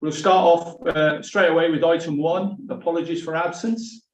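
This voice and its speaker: A man's voice: a little high, fairly even intonation, normal speed, a little hiss or hum. A man chairing a formal council meeting, courteously taking it through procedure item by item, recorded in a meeting room. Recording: roomy, distant, dull meeting-room recording.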